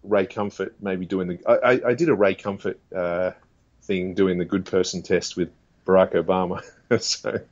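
A man's voice: low-pitched, steady tone, moderate pace, darkish tone, no echo, lo-fi sound. Chatty man doing impressions. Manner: chatty, laughs often, stammers restarts. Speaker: guest. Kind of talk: casual interview chat.

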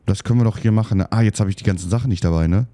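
A man's voice: on the low side, racing, mellow, no echo, studio quality. A man chatting casually while playing a game, muttering to himself and getting annoyed easily. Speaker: let's play host. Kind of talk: casual gameplay commentary.

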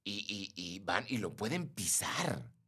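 A man's voice: lowish voice, slow pace, breathy edge. A young Mexican man hosting a casual live stream, reading and greeting viewers by name. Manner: animated, greets viewers by name, mimics shrieks.

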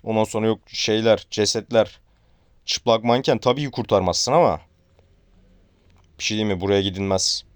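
A man's voice: on the low side, moderate pace, pauses often, no echo, studio quality. A man playing a horror game on his channel, chatting with viewers and reacting to the scares. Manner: chatty, joking, addresses viewers as friends; shouts and pleads at a game character. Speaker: gaming YouTuber.

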